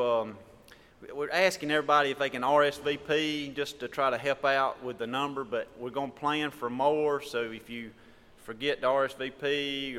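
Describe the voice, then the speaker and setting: Bright clear-voiced man in echoey hall. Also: medium pitch. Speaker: church member giving announcements. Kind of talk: informal church announcements. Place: church sanctuary, amplified. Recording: echoey hall with long reverb.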